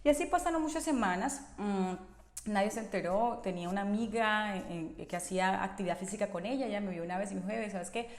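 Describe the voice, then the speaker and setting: A woman's voice: mid-range voice, fast talker. A woman telling a personal faith testimony in an earnest, emotional way, often restarting her sentences. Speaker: podcast speaker sharing a faith testimony. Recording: roomy echo.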